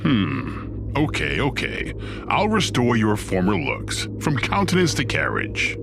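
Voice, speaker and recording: An actor playing Satan, a wry, scheming ruler of hell with a theatrical, deliberate delivery in an audio drama. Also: male voice, mid-range voice, wildly swooping pitch, vocal fry, over music, full character voice. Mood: measured, conceding.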